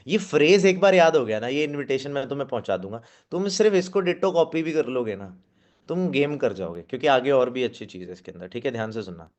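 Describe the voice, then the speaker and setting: A man's voice: mid-range voice, expressive, quick pace, a little mellow. A man giving a spoken sales-skills training to a seated audience, coaching and often checking in with 'okay?'. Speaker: team trainer.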